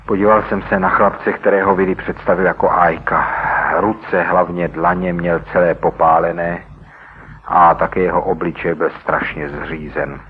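A man narrating a story in a measured, scripted reading, heard over a tinny radio broadcast. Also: low voice, level tone, slight background noise.

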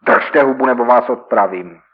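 A man's voice: mid-range voice, fairly even intonation, close to an everyday voice. A man voicing a brash young male street robber in a radio reading, taunting and mocking. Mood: threatening. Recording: tinny old radio recording.

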